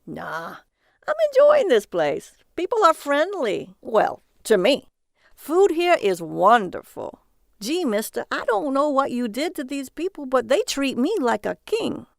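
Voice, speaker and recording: A man's voice: very high voice, huge pitch swings, unhurried, creaky, no room sound, clean studio sound, voice pushed up, full character voice. A woman voicing a chatty, folksy middle-aged male cab driver who talks boisterously. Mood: breezy. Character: gruff cheerful male cabbie, middle-aged.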